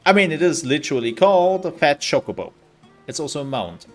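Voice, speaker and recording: A man's voice: a little high, big pitch swings, a little fast, faint music behind. A man giving casual live gaming commentary, rambling and thinking aloud as he plays. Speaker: livestreamer.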